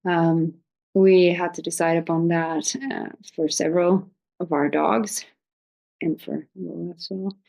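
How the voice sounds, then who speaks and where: Low, creaky-voiced woman, informal and halting. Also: flat delivery, mellow, poor audio. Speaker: video host giving pet-loss advice. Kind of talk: informal, unscripted talk to viewers.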